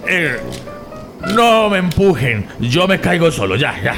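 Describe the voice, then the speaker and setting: Sloppy drunk guy grieving, a man acting it, slurring and rambling, kinda high pitched. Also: very animated, a little slow, over music. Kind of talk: amateur radio drama.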